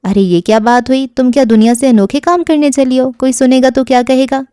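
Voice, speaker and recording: A bossy older aunt from an audio storybook, her voice raised and pitched up as she scolds and gives orders, put on by a woman narrator. The delivery is warm in tone and recorded close and dry. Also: dry recording, lightly acted. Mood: scolding.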